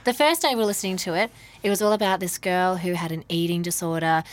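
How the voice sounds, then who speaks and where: A woman's voice: lowish voice, quick pace. A woman telling stories in a casual chat, swearing freely and laughing with a wheezy laugh. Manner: lively storyteller, swears casually.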